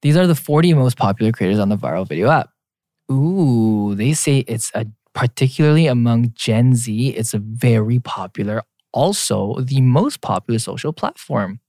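Chatting casually on the podcast he co-hosts, this young adult man in his late twenties plays around, teases his co-host, and reads out lists. He has an animated, mid-range voice with a dark tone and a moderate pace, in clean studio sound with no echo.

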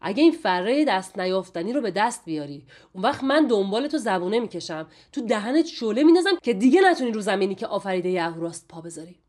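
A woman's voice: mid-range voice, very animated, few pauses, darkish tone, voice pushed down. Woman voicing an angry fire spirit. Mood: threatening. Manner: threatening. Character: fire spirit Azar, male, angry and threatening.

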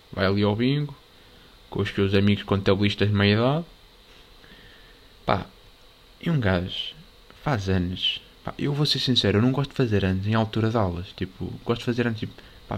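A teenage guy with a European Portuguese accent delivering a crude, swear-filled comic rant full of filler words. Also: on the low side. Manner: crude, swearing-heavy, rambling with constant filler. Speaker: comedy vlogger.

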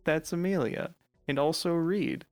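A woman co-hosting a podcast, reading a mid-roll announcement in a playful, deadpan way through a robotic, metallic-sounding voice. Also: low-pitched, a little slow, no echo, faint music behind. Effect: robotic metallic voice filter. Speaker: podcast co-host.

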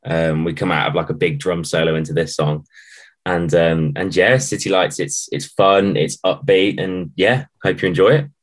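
A man with a British accent, chatting casually as an interview guest in a halting, matey way. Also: low voice. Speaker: band musician, interview guest. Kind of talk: casual chat.

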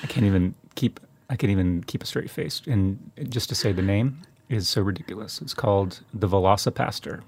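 A man co-hosting a film podcast, chatting casually in a halting, rambling way with many restarts. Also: lowish voice, darkish tone, husky. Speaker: podcast co-host.

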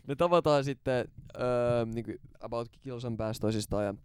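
A young man hosting a podcast, telling stories in animated casual chat with sudden loud excited bursts and swearing. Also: mid-range voice, smooth, no room sound. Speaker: podcast host.

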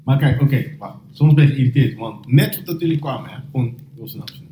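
A young man hosting a casual podcast chat, animated and slang-heavy, laughing often as he tells stories. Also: medium pitch, fairly quick. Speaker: podcast host. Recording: roomy echo, faint noise.

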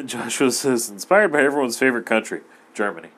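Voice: mid-range voice, expressive, fairly quick, a bit bright, slight background noise. A speaker chatting casually and crudely while reacting to a movie, cracking jokes. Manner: crude, joking.

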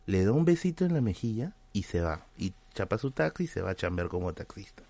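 Animated Peruvian man telling a story. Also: fairly low pitch, fairly quick, vocal fry. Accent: Peruvian Spanish. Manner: animated, slangy anecdote with frequent "¿ya?" and "¿no?" check-ins. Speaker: livestream host. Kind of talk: casual storytelling to a stream chat.

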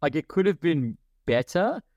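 A man's voice: a little high, big pitch swings, moderate pace, a little mellow, no echo, muffled recording. A man co-hosting a casual podcast, talking animatedly and acting out quotes in a raised voice. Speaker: podcast co-host.

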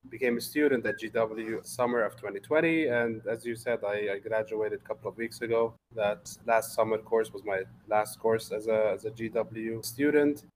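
A man from Lebanon in his thirties talks in a low, level voice with little rise and fall. He speaks in a relaxed, unhurried way and repeats words as he works out his thoughts. A faint hiss sits under the recording. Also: low-quality recording. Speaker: guest. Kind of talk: casual interview.

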